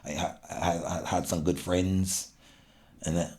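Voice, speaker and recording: A middle-aged man with a Barbadian accent talks in a very deep voice. He is earnest and sincere, often stopping and restarting mid-sentence as he gathers his thoughts. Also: little pitch movement, a little mellow. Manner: earnest, halting, many restarts. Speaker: guest. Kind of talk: casual interview.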